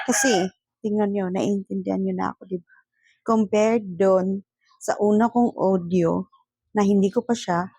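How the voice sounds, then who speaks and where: A woman's voice: mid-range voice, darkish tone, husky, no echo, rough recording. A young Filipina vlogger chatting directly to her viewers while testing a lavalier mic plugged into her phone, at home with roosters crowing outside. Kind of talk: casual product-test vlog.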